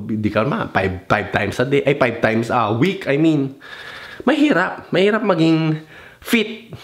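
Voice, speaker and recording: Animated young Filipino-sounding vlogger man. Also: fairly high pitch. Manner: mixes Tagalog and English, swears casually, mimics other people; rambling and loose, loses his train of thought. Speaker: vlogger giving advice. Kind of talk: casual advice vlog.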